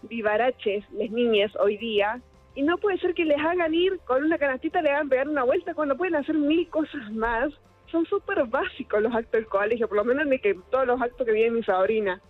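A woman's voice: high voice, a little fast, soft background music. A woman with a Córdoba Argentine accent calling in to a radio show, telling a story in a chatty, earnest way over a phone line. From Argentina, partly raised in Córdoba. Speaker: radio caller. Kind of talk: casual phone-in chat.

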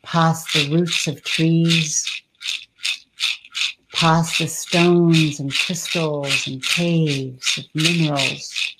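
A woman leading a guided meditation with slow, soothing, drawn-out phrasing. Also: low voice, little pitch movement. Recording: loud background noise and rattle.

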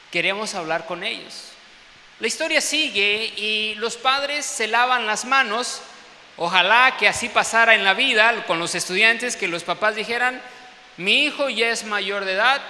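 High, sharp-voiced preacher. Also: male voice. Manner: storytelling, animated, peppered with tag questions. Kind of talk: sermon. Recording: long hall reverb, faint hiss.

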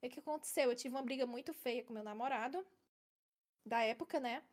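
A woman's voice: a little high, fast talker. A young woman casually telling a long personal story, often adding "entendeu?" to check her listeners follow. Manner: chatty, keeps adding "entendeu?".

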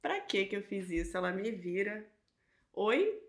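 A woman's voice: mid-range voice, expressive, moderate pace, fairly bright tone, reverberant. A Brazilian woman telling a story in a casual chat, acting out the people in it and laughing often. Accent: Brazilian Portuguese.

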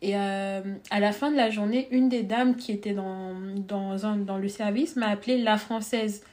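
As a podcast guest, a young woman shares a personal story in a Congolese accent with a French touch, speaking at normal speed in a mid-range voice. She comes across as earnest and reflective, growing lively as she recounts events.

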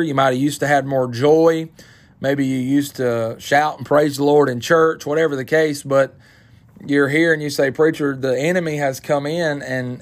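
A man preaching a sermon, earnest and repeating phrases for emphasis. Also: mid-range voice.

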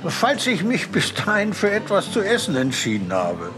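A man voicing a cheerful, curious young girl in a children's audiobook, bright and eager. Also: high-pitched, wildly swooping pitch, moderate pace, pitched above the performer's own voice.

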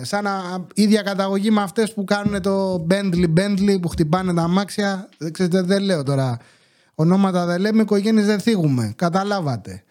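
A man with a fairly high voice talks in a loose, chatty monologue. He jokes and grumbles with mock exasperation as he tells stories about his neighbours. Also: a little mellow. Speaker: podcast host. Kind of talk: casual storytelling monologue.

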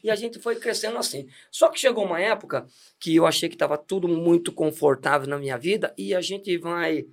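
High-voiced chatty man. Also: brisk, vocal fry. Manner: chatty, laughing storyteller with many restarts. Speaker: deacon giving testimony. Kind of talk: casual testimony chat.

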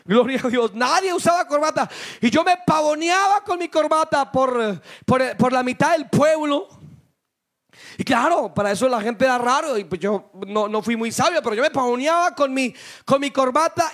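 Very high-voiced preacher man. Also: normal speed, a bit bright. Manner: fervent preaching with rhetorical questions. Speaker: pastor. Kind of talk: sermon.

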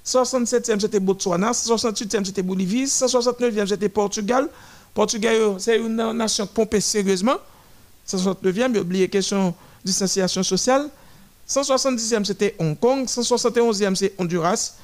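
A man with a high-sitting voice gives running commentary on a parade of nations, naming them one after another with halting restarts.

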